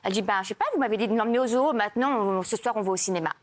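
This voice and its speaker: A woman's voice: mid-range voice, rapid-fire, heavy background noise. A woman telling jokes on a TV comedy show, hesitating often and giggling at her own stories. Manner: hesitant, many "euh" fillers, giggles. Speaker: joke teller. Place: TV studio.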